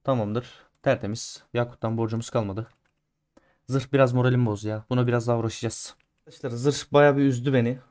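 A man's voice: medium pitch, steady tone, quick pace. Chatty male gaming streamer. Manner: chatty, talks to viewers as he plays; swings between grumbling and loud cheering. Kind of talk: casual gameplay commentary.

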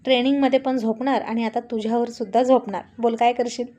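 A teasing, affectionate husband who jokes and coaxes his wife. A woman reads him in her own voice, pitched rather high with no deepening, so he sounds close to the narrator. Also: steady tone, fast, warm tone, natural voice. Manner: playful teasing.

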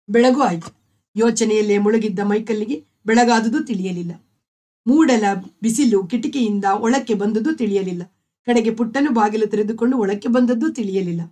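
A woman storyteller reading a novel aloud in a measured, expressive way. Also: a little high.

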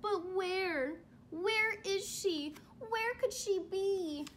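A woman's voice: extremely high pitch, drawn-out words, a bit bright, a little hiss or hum, voice pushed up, full character voice. A woman voicing a lost baby bird, plaintive and questioning, in a children's storybook. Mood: plaintive, searching. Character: lost baby bird searching anxiously for his mother.

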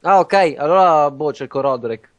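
A man's voice: a little high, normal speed. A young man chatting casually as a player in a tabletop game.

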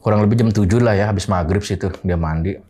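A man with a lowish voice speaks quickly, casually retelling a horror story from his boarding house. His telling is animated, and he acts out the dialogue people spoke.

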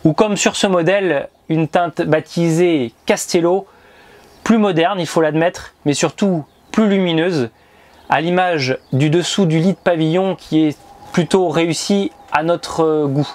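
Inside a motorhome and later by the roadside outdoors, a man in his thirties reads a scripted review into a lapel mic with precise, presenter-like delivery. His pitch is fairly high, his pace unhurried and his tone darkish.

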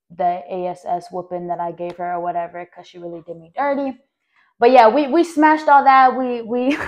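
Young woman, podcast host, middle pitch; tells a story in a loose, chatty ramble and talks straight to her listeners. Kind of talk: casual personal storytelling.

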